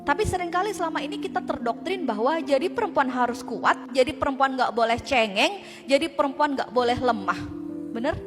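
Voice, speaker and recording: A woman giving an animated, conversational religious talk to a live audience of women, often asking the crowd rhetorical questions. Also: high-pitched, brisk. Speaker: speaker addressing a women's community group. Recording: long hall reverb with music behind.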